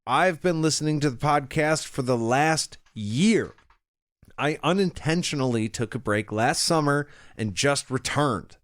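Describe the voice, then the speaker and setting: Young male podcast co-host, lively and laughing as he reads a listener email, close dry sound, slightly high voice. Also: unhurried, no room sound. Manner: laughing, animated storyteller. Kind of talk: casual chat, reading a listener email.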